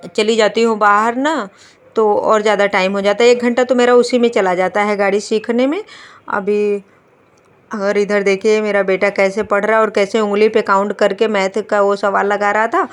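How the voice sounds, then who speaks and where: A woman's voice: mid-range voice, little pitch movement, normal speed, smooth. A woman in her thirties narrating her home vlog in a chatty, homely way, talking to viewers as friends. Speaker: vlogger, homemaker. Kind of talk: casual voice-over home vlog.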